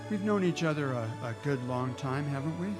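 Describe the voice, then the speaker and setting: Inspector Mallard, an easygoing old-radio cop played by an actor. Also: male voice, fairly high pitch, expressive, a little fast, music in the background, natural voice. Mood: nervous. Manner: hesitant, folksy, casual. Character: easygoing, awkward male police homicide inspector. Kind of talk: 1940s radio drama acting.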